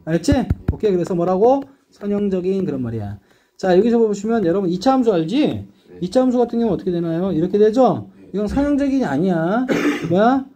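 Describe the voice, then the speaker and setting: Lively high-voiced male English teacher. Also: quick pace. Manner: constant check-ins with the students; lively, rising and dipping emphasis. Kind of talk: classroom lecture. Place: classroom.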